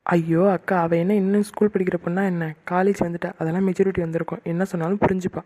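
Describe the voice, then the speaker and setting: A woman's voice: fairly low pitch, flat delivery, fast, dark tone, natural voice. A woman voicing a playful, soothing young aunt in a cartoon.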